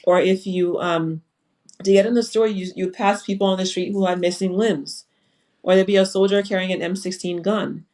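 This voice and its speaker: Woman, lowish voice, reflective panel guest on a video call. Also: steady tone, moderate pace, darkish tone. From Liberia. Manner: earnest and reflective, with frequent fillers. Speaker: foundation founder and panel guest. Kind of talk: casual panel talk on a live webinar.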